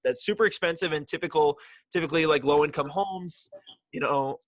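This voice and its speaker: A man's voice: a little high, fairly quick, no room sound. A young man hosting a casual podcast chat, laid-back and chatty, swearing and laughing often. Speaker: podcast host.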